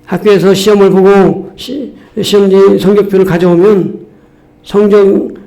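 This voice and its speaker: A male pastor delivering a sermon to his congregation, telling a story and rising to loud, emphatic exhortations. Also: high-pitched, fairly even intonation, normal speed.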